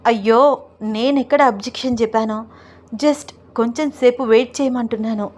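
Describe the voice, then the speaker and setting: A woman's voice: a little high, normal speed, darkish tone, close to an everyday voice. Woman voicing a coy, flustered young wife. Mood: flustered protest. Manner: pleading, flustered protests.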